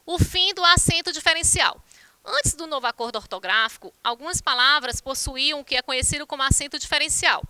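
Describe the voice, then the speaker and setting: A woman's voice: sits high, brisk, bright, forceful tone. A woman teacher from Brazil giving an online grammar lesson, explaining rules step by step and addressing the class directly. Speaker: Portuguese teacher.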